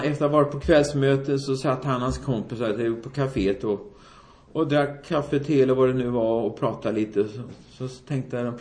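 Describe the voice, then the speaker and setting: A man preaching a sermon, telling a story and acting out the voices in it. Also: medium pitch. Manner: animated storytelling, acts out quoted voices. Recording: echoey room.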